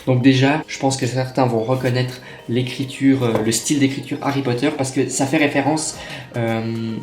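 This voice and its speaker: A young man who makes magic unboxing videos talks through an unboxing at a table while a tripod camera records him. His voice is mid-pitched and slightly mellow, with fairly even intonation and a moderate pace, and he rambles chattily with many fillers and self-corrections. The room has an echo, and quiet music plays behind.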